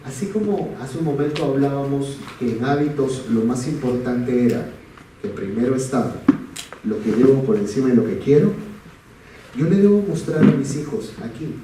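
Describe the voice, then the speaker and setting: Un hombre, psicólogo de colegio, da una charla a padres, hace preguntas al público y cuenta anécdotas propias con diálogos actuados. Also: male voice, medium pitch, expressive, normal speed, pauses often. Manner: asks the audience questions, tells a personal anecdote with acted dialogue. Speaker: school psychologist giving a talk to parents. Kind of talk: parent talk with storytelling. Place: large school hall. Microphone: recorded from far off. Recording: echoey hall from far off with noise.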